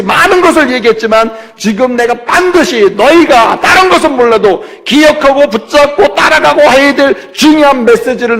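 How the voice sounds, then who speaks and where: Pastor guy preaching hard, acts out the quotes, highish voice, big echoey church. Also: fairly bright tone. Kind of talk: sermon. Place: church sanctuary. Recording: long church reverb.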